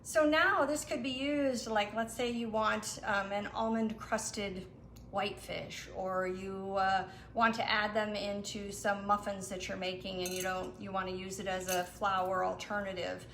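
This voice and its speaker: A woman guest explaining her recipes in a relaxed, casual chat, with lots of fillers. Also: mid-range voice, measured pace. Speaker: guest cook. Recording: echoey room with some noise.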